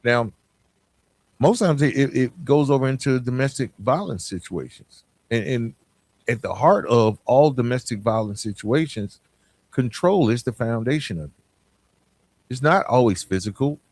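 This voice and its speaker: This male podcast host has a medium-pitched, darkish voice, delivered expressively at a moderate pace with no room sound. He talks to the audience directly in a plain, conversational motivational manner, leaning on rhetorical questions.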